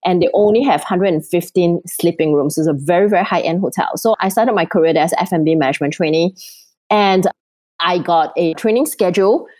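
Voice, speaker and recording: A woman's voice: on the low side, fairly quick, darkish tone. A woman from Singapore, chatting as an interview guest while she has a cold, often laughing. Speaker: guest, event planner. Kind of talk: casual interview chat.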